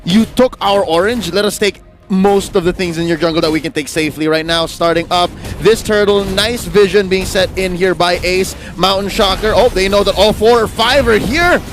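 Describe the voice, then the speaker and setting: A man working as an esports caster, giving excited play-by-play commentary in punchy, repeated calls. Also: sits high, normal speed, soft background music.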